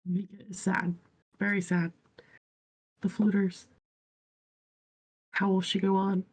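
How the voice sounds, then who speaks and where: A man's voice: high voice, completely flat delivery, slow pace, husky, pitched above the performer's own voice, heavily acted, low-quality recording. A man voicing a sad female adventurer in a melodramatic, mock-mournful way, in a tabletop game.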